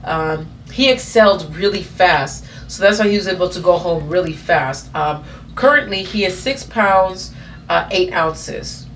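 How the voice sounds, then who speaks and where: A woman's voice: on the low side, unhurried, a bit bright, slight background noise. A woman in her thirties telling a personal story in a casual vlog, rambling with many fillers and self-corrections. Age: 30s. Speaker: vlogger.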